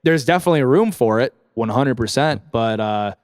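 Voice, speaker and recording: A man who wrestles, joking around in a relaxed podcast chat. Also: medium pitch, a little fast, no echo, studio quality. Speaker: wrestler guest. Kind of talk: casual chat.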